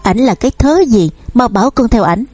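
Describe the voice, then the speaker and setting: A woman's voice: fairly high pitch, expressive, a little fast, breathy edge, dry recording, soft background music. A woman voicing a defiant, jealous young adult son. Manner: defiant, shouting.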